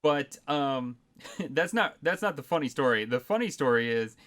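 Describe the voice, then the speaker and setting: A man's voice: mid-range voice, expressive, moderate pace, a bit bright. A man in his thirties co-hosting a casual podcast, telling a long anecdote with many fillers and frequent laughter. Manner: rambling storyteller, laughs often, many fillers. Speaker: podcast co-host.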